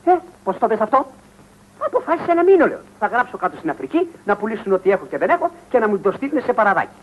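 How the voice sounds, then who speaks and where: An actor playing a boastful big-game hunter who blusters and tells tall tales. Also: male voice, sits high, very animated, highs cut off. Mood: blustering.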